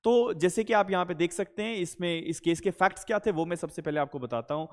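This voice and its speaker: A man with an Indian accent gives an explanatory law lecture, didactically posing questions and then answering them while mixing in English legal terms. His voice is high-pitched and a little mellow, and he speaks at a quick pace. A long, hall-like reverb colors the recording.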